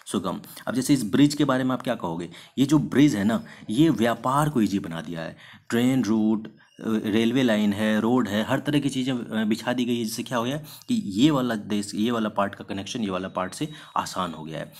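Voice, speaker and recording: A man with a lowish, darkish voice teaches English vocabulary in Hindi, mixing in English words, in a classroom-style lesson. He keeps posing rhetorical questions and answering them himself, slowing down to spell out and stress example sentences.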